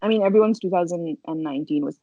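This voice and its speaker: Talking fast in a warm, lowish voice, a social media video creator appears as a podcast guest and explains herself in an informal, hesitant way. The audio is dry and a little dull.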